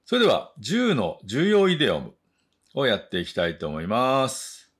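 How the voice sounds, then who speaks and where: A man teaching English vocabulary and pronunciation, saying each word slowly twice and chatting briskly in between. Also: mid-range voice, huge pitch swings, breathy edge. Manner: slow drawn-out model words, then quick chatty asides.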